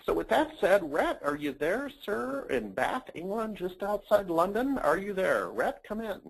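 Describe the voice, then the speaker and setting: A man hosting a webinar, talking informally through slides in a halting, rambling way. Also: high-pitched, sing-song, vocal fry, rough recording. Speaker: webinar host.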